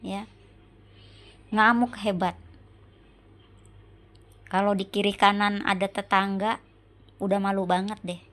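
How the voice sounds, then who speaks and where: A woman speaks slowly in a mid-pitched voice, addressing her husband in an emotional monologue. She circles back to the same points again and again, pressing him with pleading rhetorical questions. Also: little pitch movement, a bit bright. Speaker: wife venting on camera.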